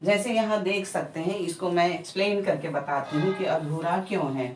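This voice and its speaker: A woman's voice: on the low side, moderate pace, faint music behind. A woman teacher explaining a basic spelling lesson patiently, spelling words out letter by letter. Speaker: English teacher. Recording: roomy echo, voice from a distance.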